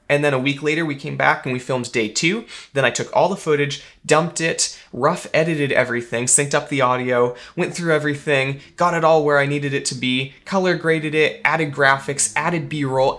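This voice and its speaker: A man's voice: on the high side, a bit bright. Upbeat young man giving editing tips. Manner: upbeat, quick listing of steps. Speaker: video editor and vlogger. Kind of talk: casual explainer vlog. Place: home studio room, indoors.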